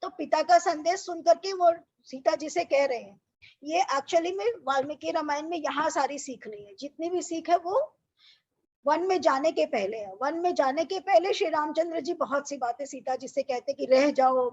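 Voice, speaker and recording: A woman teaching a scripture study class who explains patiently, quizzes her listeners and recites verses slowly. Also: high voice, a little mellow. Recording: dull lo-fi recording.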